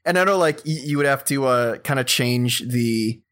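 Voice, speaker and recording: A young man co-hosting a casual chat, enthusiastic and animated, swearing now and then. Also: medium pitch, normal speed. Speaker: podcast co-host.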